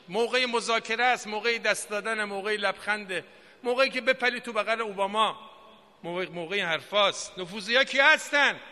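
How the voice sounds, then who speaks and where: A man preaching an impassioned political Friday sermon, rising to shouted declamation from the pulpit. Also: extremely high pitch. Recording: long reverb of a large hall.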